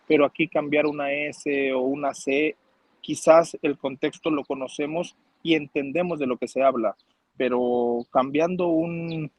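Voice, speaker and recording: A man's voice: a little high, steady tone, unhurried, no room sound. A Mexican man, a student, politely and hesitantly asking his teacher a question. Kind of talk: class question. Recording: husky dull lo-fi audio.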